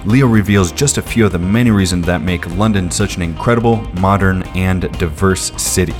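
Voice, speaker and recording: A man's voice: sits low, fairly quick, over music. A man hosting a travel podcast, talking with eager enthusiasm and frequent uhs and ums as he interviews a guest. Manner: enthusiastic, fillers like uh and um. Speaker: podcast host.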